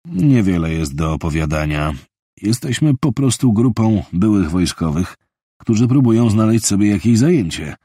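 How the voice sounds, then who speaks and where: A man reading a tense former soldier, low and husky. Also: expressive, normal speed, mellow, no room sound, clean studio sound. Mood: terse. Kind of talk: audiobook character reading.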